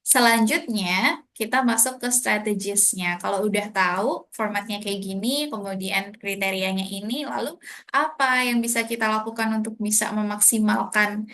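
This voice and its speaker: Indonesian-accented woman tutor, switches between indonesian and english, explaining step by step, mid pitch. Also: moderate pace, fairly bright tone. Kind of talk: online lesson.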